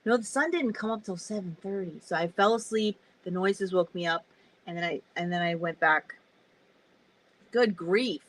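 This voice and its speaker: A woman's voice: fairly low pitch, moderate pace, poor audio. A woman vlogging from a camper, telling a story casually, swearing often and acting out her own reactions. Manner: animated, swears a lot, acts out her reactions. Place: inside a camper.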